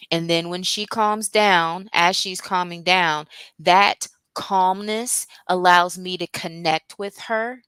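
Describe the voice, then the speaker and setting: Woman explaining mental health stuff at church, calm and earnest, smooth voice, dry close sound. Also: fairly low pitch, slow pace, no room sound. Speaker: guest speaker on mental health. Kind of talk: teaching talk at a church.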